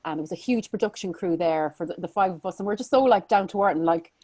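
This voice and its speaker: A woman's voice: on the low side, fast, a little mellow, no room sound. Irish woman, 30s, interview guest; chatty and rambling, dry close mic. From Ireland. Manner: chatty, rambling, lots of fillers and restarts. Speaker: guest singer. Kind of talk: casual interview chat.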